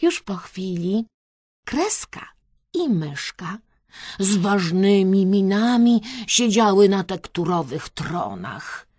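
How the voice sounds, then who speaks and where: A woman narrates a children's audiobook, taking her time over every phrase. Her slightly high voice rises and falls with lots of expression. The close studio mic gives a dry, intimate sound. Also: no room sound. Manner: slow, expressive storytelling.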